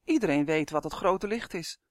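A man doing a gruff fat dwarf. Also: a little high, lively intonation, moderate pace, no room sound, clean studio sound, close to an everyday voice. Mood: exclaiming. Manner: brusque, loud and exclaiming. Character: fat gruff male dwarf traffic controller. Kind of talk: audiobook character voice.

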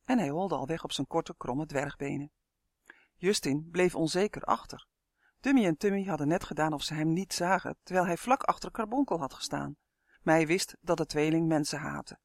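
A man narrating a fantasy children's book with an expressive reading. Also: a little high, normal speed, no echo, studio quality. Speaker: audiobook narrator. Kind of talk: scripted storybook narration.

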